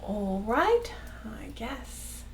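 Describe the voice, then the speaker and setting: A woman's voice: a little high, very animated, very slow. A woman chatting casually while playing a tabletop role-playing game. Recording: faint background noise.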